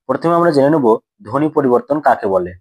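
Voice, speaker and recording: A man's voice: mid-range voice, expressive, a little fast, a little mellow, slightly rough, no echo, poor audio. A man teaching a grammar lesson to school students, who poses questions and answers them himself and repeats the key points.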